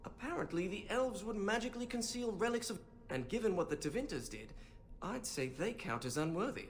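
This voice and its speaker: In a video game role, a male actor voices a fussy, bookish young mage who over-explains in an earnest, hesitant way. His voice sits high, with lively intonation and a slightly quick pace.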